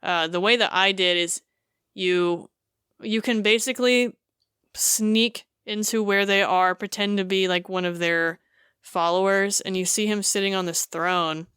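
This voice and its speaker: A woman co-hosting a podcast, recounting a game scene in casual chat, animated and full of fillers. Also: medium pitch, a little slow, clean tone, no echo, studio quality. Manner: animated storytelling with many fillers. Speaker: podcast co-host.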